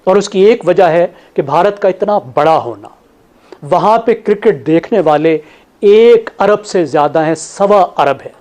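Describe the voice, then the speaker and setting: A man on a TV panel, laying out his analysis point by point in a measured way. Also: sits high, expressive, a little mellow. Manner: measured, listing points in order.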